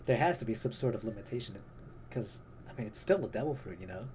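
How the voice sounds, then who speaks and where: A man's voice: on the low side, quick pace. Young man in a casual podcast chat. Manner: animated, swearing, laughing often. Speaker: podcast co-host. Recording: faint computer noise behind.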